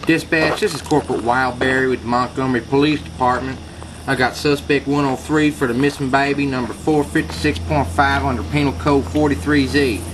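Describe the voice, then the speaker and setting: A man playing a police officer radios in to dispatch, his words clipped and procedural. He sounds set back from the mic, and a loud outdoor din runs beneath the radio call. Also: mid-range voice, steady tone, fairly quick, far from the mic, background noise. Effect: talking over a police radio.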